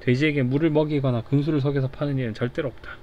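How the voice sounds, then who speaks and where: A man reads a comic aloud in an easygoing manner, pausing and restarting over a word now and then. His voice sits at an ordinary middle pitch. The recording sounds a bit dull and lo-fi. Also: steady tone, slight background noise. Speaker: storyteller. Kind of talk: casual read-aloud of a comic for sleep.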